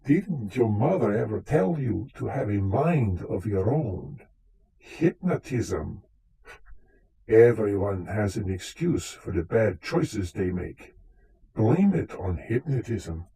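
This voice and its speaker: A man's voice: on the low side, sing-song, takes it slowly, gravelly, dark tone, slightly rough, full character voice, poor audio. A man playing a vain, touchy, centuries-old vampire count in comic live radio theater, with a theatrical, formal way of talking. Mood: scolding. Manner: theatrical, dryly boastful, formal phrasing.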